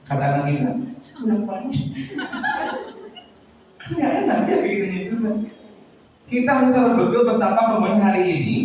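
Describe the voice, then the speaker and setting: A man with a Sundanese accent giving a lively seminar talk to parents on a handheld microphone. He jokes and keeps quizzing the audience. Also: high voice, recorded from a distance, background noise. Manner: jokey, quizzes the audience, slips into Sundanese phrases. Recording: echoey hall, voice picked up from afar.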